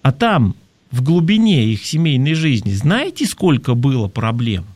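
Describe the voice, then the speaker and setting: A male talk show host works through listener messages, giving advice in a thoughtful, chatty manner and asking rhetorical questions as he explains. His voice is mid-range, darkish and sing-song, at a measured pace, with no room sound.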